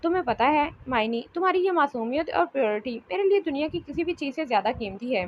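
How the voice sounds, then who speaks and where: Soft-spoken protective husband, read by a woman, high and light, over faint hiss. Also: animated, quick pace, highs cut off. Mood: tender. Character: man, a gentle, doting, protective husband.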